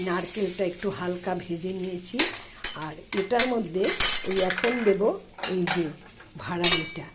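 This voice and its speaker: A woman, talking through a home recipe in an easy, chatty way. Her voice sits in a middle range, neither high nor low. Loud frying, sizzling and clattering pots fill the kitchen around her. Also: heavy background noise. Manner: chatty, explains each step as she cooks. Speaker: cooking channel host. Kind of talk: casual cooking demonstration.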